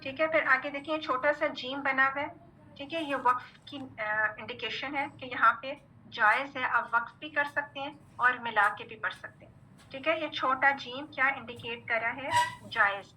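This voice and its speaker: A woman teaching Quran recitation, patient and methodical, drilling letter sounds slowly and checking in with her class often. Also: high-pitched, bright, forceful tone, slight background noise, rough recording. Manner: patient, repeats "theek hai" often. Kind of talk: online tajweed lesson.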